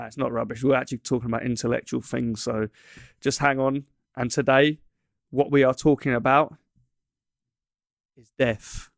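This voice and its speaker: A man co-hosting a casual chat podcast, joking and rambling, often trailing off mid-sentence before starting again. He sits close to the mic in a dry, dead-sounding room, his pitch sitting in the middle. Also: vocal fry, no echo. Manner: joking, rambling, self-interrupting. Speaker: podcast co-host.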